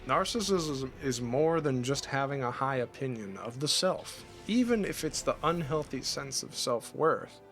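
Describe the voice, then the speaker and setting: A man's voice: mid-range voice, expressive, a little slow, hardly any pauses, a bit bright, soft background music. A man streaming a video game and chatting casually, rambling with many restarts and laughs. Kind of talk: casual chat while gaming.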